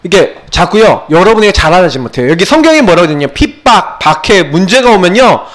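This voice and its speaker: A man's voice: sits high, sing-song, fairly quick. A male pastor giving a sermon to children, asking questions and answering them himself. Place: church.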